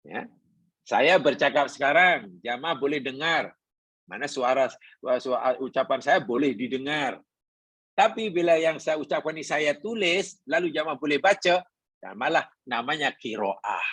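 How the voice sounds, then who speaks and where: Husky-voiced Malaysian teacher giving a Quran lesson. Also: male voice, mid-range voice, expressive, a little slow, a bit bright, dry recording. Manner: explains patiently, repeats points, asks the audience questions. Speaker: religious teacher. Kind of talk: Quran class lecture.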